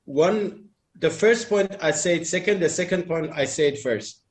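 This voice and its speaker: In a group chat, a man whose first language isn't English speaks casually in a fairly high voice, giving advice. He's unhurried but emphatic, rambling and often repeating phrases.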